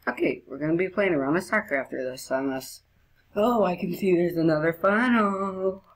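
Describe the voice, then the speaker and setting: A woman giving chatty let's play commentary while gaming, now and then breaking into high excited squeals. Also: normal speed. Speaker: gamer.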